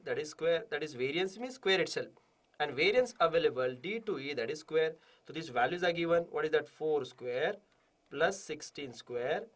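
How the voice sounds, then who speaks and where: Higher-pitched Indian man teaching, emphatic and repetitive. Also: fairly bright tone. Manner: repetitive, emphatic, asking and answering his own questions. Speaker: engineering exam teacher. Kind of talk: live online lecture, solving exam questions.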